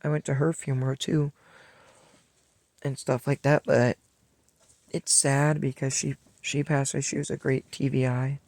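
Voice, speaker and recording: A man's voice: medium pitch, little pitch movement, normal speed, pauses often, darkish tone, no room sound. A young man vlogging, telling a personal story in a rambling, heartfelt way. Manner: rambling, heartfelt, acts out past dialogue.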